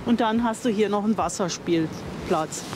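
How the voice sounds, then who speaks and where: An older woman vlogs a casual on-camera tour of an outdoor campsite, speaking at a moderate pace in a mid-range voice against background noise. Enthusiastic and chatty, she thinks out loud and corrects herself.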